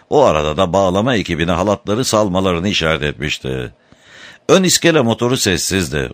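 Deep-voiced man reading an audiobook. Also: dry recording. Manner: dramatic, raises voice for shouted quotes. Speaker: narrator. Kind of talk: audiobook narration.

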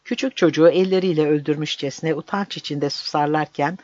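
Measured audiobook narrator, dull dry sound. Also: mid-range voice, fairly even intonation, darkish tone, no echo. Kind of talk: scripted narration.

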